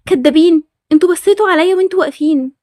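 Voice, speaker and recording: A woman's voice: extremely high pitch, very fast, a little mellow, dry recording, clean studio sound. A woman with an Egyptian accent voicing a touchy, suspicious schoolgirl who keeps accusing people. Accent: Egyptian Arabic. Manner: accusing, indignant. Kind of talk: storytelling over animated game scenes.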